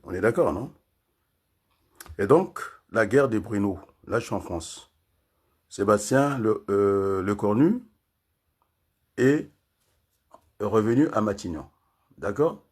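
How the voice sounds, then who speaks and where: A man's voice: on the low side, expressive, takes it slowly, pauses often, darkish tone, slightly rough. An older man from Congo giving a rambling political talk, often tagging his points with questions to the room. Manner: rambling, frequent tag questions and fillers. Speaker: political commentator.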